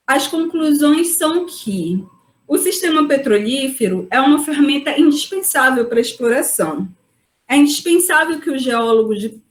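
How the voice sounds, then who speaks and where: Woman lecturing in an echoey room. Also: sits high. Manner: explanatory, frequent "né?" tag questions. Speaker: geologist lecturer. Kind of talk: webinar lecture. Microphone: video call.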